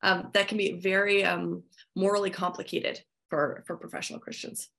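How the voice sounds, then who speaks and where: A woman who is an author and church musician, giving thoughtful podcast interview answers that pause often with fillers and restarts. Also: lowish voice, flat delivery, vocal fry, a bit bright.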